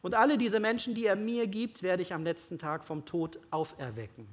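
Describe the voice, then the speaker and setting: A reader voicing a solemn, slow-spoken Jesus. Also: mid-range voice, close to an everyday voice. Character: Jesus as a calm, solemn male teacher.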